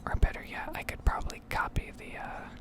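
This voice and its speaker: A woman rambles fairly quickly in a heavy, breathy whisper near the mic, sounding casual and hesitant. It resembles an ASMR gameplay video.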